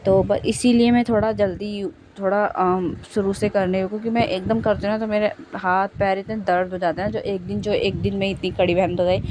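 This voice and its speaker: A young woman talks through her kitchen cleanup like a chat with a friend, homely and rambling, full of fillers and restarts. Her voice sits at an ordinary middle pitch. A steady hiss of noise runs under the recording. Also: brisk, few pauses. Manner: chatty and homely, with many fillers and self-corrections. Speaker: home vlogger. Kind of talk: casual voice-over narration of a kitchen cleanup. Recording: noticeable background noise.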